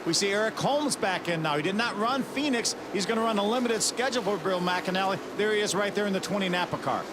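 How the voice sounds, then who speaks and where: High-voiced male motorsport commentator, analytical. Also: quick pace, background noise. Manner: explanatory, technical. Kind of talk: live race commentary and analysis. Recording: music behind the voice.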